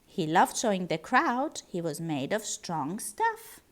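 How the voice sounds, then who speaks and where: A woman reading a rhyming children's picture book aloud in an expressive, sing-song storytelling style. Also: fairly low pitch, slow pace.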